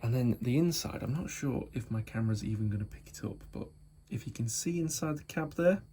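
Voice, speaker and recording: Showing off a model locomotive and putting it through a test run, a hobbyist reviewer talks in a warm, animated, medium-pitched voice roughened slightly by hay fever and poor sleep. He chats casually, repeats his compliments often, and says um a lot, while a faint hiss or hum sits under the audio.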